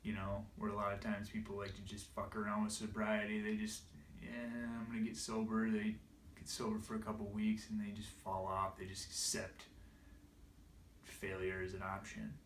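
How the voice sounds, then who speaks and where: A man's voice: lowish voice, completely flat delivery, moderate pace, a bit bright, a little hiss or hum. A man telling an emotional personal story, tearful and laughing through it, his voice breaking. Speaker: vlogger. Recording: roomy echo, distant from mic.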